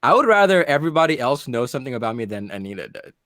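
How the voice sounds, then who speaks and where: A man in casual talk with friends who cuts in with blunt jokes. His pitch rises and falls a lot as he speaks, though his voice sits in a middle range. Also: very animated, racing, fairly bright tone, no room sound, studio quality. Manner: joking, blunt interjections. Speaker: streamer guest. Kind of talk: casual chat.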